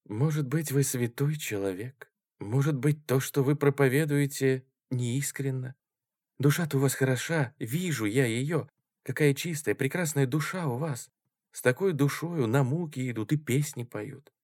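A man reading an audiobook, voicing a passionate, devout and defiant young woman in a quiet, intense way. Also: medium pitch, moderate pace, no room sound, clean studio sound, close to an everyday voice. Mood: impassioned.

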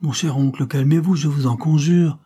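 A man reading the part of an earnest, proud young duchess in a storybook, with a pleading, gentle delivery in his husky voice. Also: a little high, fairly even intonation, moderate pace, voice pushed up.

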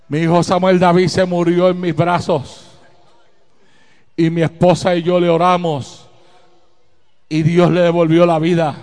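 A middle-aged man preaching a sermon as pastor, telling a testimony slowly and rising to shouts. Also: high voice. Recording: long reverb of a hall.

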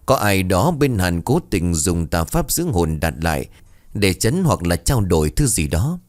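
A grave old exorcist near sixty lays out the workings of a dark curse, voiced by a man in his own low, deep register. His telling rises and falls with lively pitch, solemn and sure, as in a spoken ghost story. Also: unhurried.

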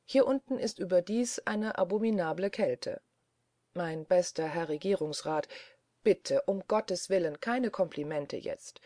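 A woman's voice: lowish voice, unhurried, dark tone, dry recording, studio quality, close to an everyday voice. A woman reading the lines of a hearty, portly older male government official who fusses over his guest in a jovial way. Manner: jovial, fussing host.

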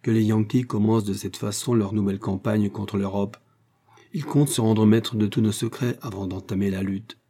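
A man's voice: fairly low pitch, steady tone, moderate pace, mellow, natural voice. A man doing an earnest young inventor. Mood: brooding. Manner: heartfelt, emotional outbursts.

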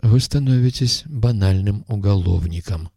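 A man reading an audiobook voices a stern, weary middle-aged intelligence chief who speaks in a measured, reproachful way. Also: fairly low pitch, vocal fry, mellow, dry recording, studio quality.

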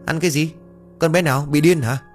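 A man voicing a middle-aged village wife who scolds her husband in a shrill, exasperated voice. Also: fairly even intonation, brisk, soft background music, close to an everyday voice. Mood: scolding.

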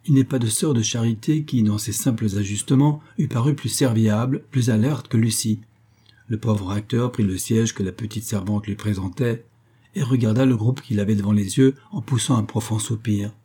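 A man reads a classic novel aloud in a measured, literary way. His voice sits low and mellow with a husky grain, and he paces the story steadily. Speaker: audiobook narrator. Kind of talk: scripted narration of a classic novel.

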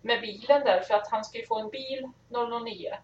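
A woman co-hosting a casual podcast chat, blunt and opinionated. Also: a little high. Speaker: podcast co-host. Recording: distant, roomy, lo-fi sound with faint noise.

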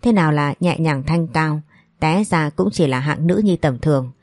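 A woman's voice: sits low, normal speed, darkish tone, no room sound. Spiteful jealous young woman, read by a woman. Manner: sneering, insulting.

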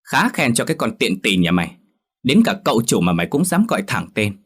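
Một người đàn ông giả giọng cô vợ trẻ kiêu căng, nói chua ngoa, khinh khỉnh. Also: male voice, on the low side, big pitch swings, fairly quick, breathy edge, heavily acted. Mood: scornful. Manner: sharp, scornful. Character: haughty young woman, arrogant singer-wife.

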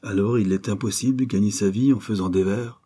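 A man's voice: on the low side, a little fast, mellow, husky. A man reading an earnest young sailor-writer. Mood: questioning.

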